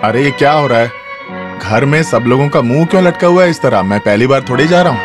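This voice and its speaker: A man's voice: medium pitch, fast talker, lightly acted. A man dubbing a film role as a man leaving home to work abroad again, teasing and emotional by turns, with music behind. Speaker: dubbing actor.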